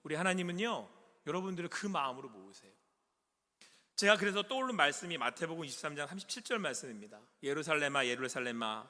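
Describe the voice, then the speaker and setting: Man, pastor, sermon, fairly high voice, very lively pitch, questions to the congregation, reverberant church. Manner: animated preaching that swings from loud calls to soft whispers. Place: church sanctuary. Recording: long hall reverb.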